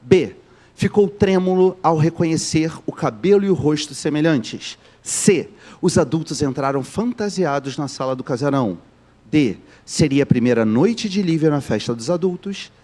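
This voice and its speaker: A man's voice: fairly high pitch, lively intonation, moderate pace, warm tone. A man from Rio de Janeiro with a Carioca accent, teaching a live online class, joking and quizzing his students as he goes. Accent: Carioca Brazilian Portuguese. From Rio de Janeiro, Brazil.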